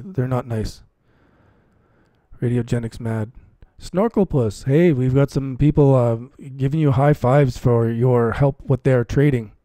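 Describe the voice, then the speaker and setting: A livestream host who commentates on cryptocurrency trading talks casually with his audience, often repeating phrases for emphasis. His voice is mid-range and warm, with no room sound.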